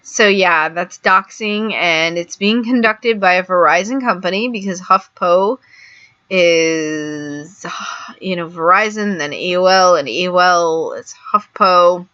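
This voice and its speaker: A woman giving casual political commentary with sarcastic outbursts, slow rambling asides and many fillers like "um" and "like". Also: on the low side, pushed and bright, highs cut off. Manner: frequent "like" and "um" fillers.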